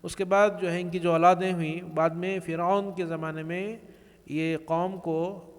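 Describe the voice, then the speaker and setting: A man giving a religious lecture, explaining in a measured way with pauses and restarts and mixing English words into his speech. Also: high voice, level tone, clean tone. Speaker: religious speaker. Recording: long reverberant echo.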